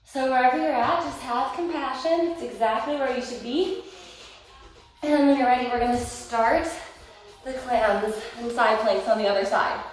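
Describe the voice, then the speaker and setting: A woman's voice: on the high side, moderate pace. A woman Pilates instructor cueing a workout and counting reps, encouraging and a little winded as she exercises along. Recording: roomy echo, distant mic, faint music.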